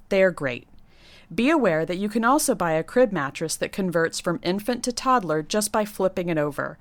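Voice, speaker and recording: A woman's voice: on the low side, no echo. Woman, guest tips segment, upbeat scripted read, dry recording. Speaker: nursery designer.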